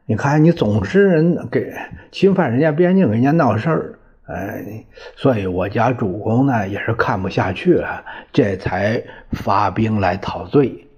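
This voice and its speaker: A man's voice: on the low side, animated, a little slow, a little mellow, breathy edge. A man voicing a stern male general who firmly rebukes an envoy in a storytelling retelling, on a dull lo-fi recording. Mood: reproachful.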